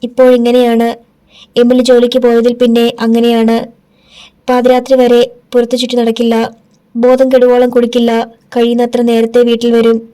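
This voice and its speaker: A woman's voice: on the high side, dark tone, lightly acted. Woman reading as an anxious, pleading mother. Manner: pleading, worried. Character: anxious middle-aged mother, pleading and shaken.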